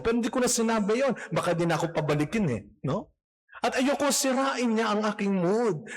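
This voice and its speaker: Casting: priest, high-pitched voice, storytelling homily in church, light humor. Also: male voice. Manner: storytelling with humorous anecdotes, mixing Tagalog and English. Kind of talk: homily at morning mass.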